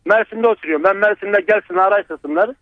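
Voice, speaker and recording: High-voiced hesitant man on a phone line. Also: a little fast, no room sound. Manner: hesitant, stacks up many fillers. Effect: over a landline phone. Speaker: radio caller. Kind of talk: call-in chat.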